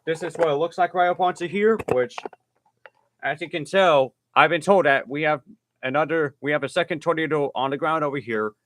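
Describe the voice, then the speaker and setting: Male amateur weather stream host, halting delivery, repeated phrases, radio-style update announcements. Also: on the high side, fairly bright tone. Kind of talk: improvised live storm coverage commentary.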